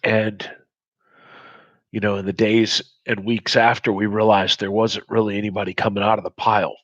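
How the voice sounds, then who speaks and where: A man in his forties with a very low voice tells a personal story candidly, blunt and profane yet reflective. The sound is dry and a little dull. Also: level tone, moderate pace, fairly bright tone, no echo. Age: 40s.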